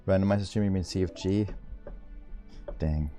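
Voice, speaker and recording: A man's voice: sits low, fairly even intonation, moderate pace, warm tone, faint music behind. A man giving casual livestream commentary on his own speedrun, informal and rambling as he thinks aloud.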